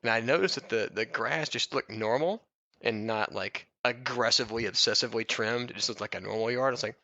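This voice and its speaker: Brisk and gravelly, with a pushed, bright medium-pitched voice, a man hosts a podcast where he reads a comic biography and drops casual jokes, often laughing mid-sentence. The recording is muffled but has no echo.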